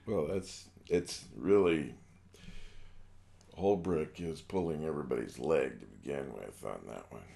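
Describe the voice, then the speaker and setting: A man answering informally in an interview as a historian, in a halting, skeptical manner. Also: extremely low pitch, creaky, mellow.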